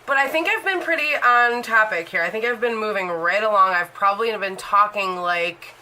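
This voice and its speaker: Over poor audio, a thirty-something woman talks at a normal pace in a mid-range voice that sounds bright and forceful. She's a beauty vlogger chatting casually and rambling about her makeup collection, with plenty of fillers.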